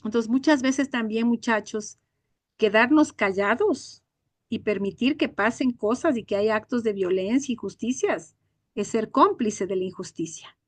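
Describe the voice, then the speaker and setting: A woman's voice: on the high side, a little slow, no echo. Earnest woman teacher lecturing. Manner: earnest, indignant storytelling. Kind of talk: online class lecture. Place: home.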